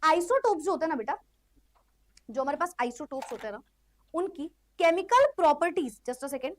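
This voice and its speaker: In this classroom chemistry lecture, the woman teaching speaks in a high, animated voice at a normal speed. She keeps it chatty, repeats herself, checks in with students frequently and throws in playful asides.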